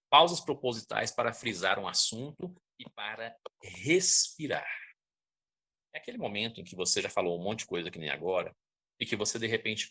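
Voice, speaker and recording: Didactic man with a husky voice. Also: fairly low pitch. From Brazil. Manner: didactic, checks in with listeners, lively emphasis. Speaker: public speaking instructor. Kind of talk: online lecture on public speaking.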